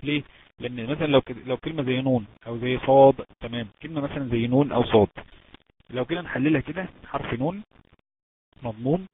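A man with an Egyptian accent teaching Quran recitation rules in an online lesson, explaining step by step and quizzing his students. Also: mid-range voice. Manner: explains step by step, asks students questions, drawn-out chanted examples. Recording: tinny noisy phone-like line.

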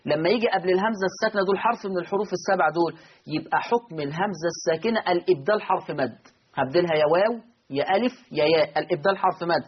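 High-voiced Egyptian man teaching recitation. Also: highs cut off, slight background noise. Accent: Egyptian Arabic. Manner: explains patiently, repeats rules, asks and answers his own questions; slows down and chants example words. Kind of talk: recorded lesson.

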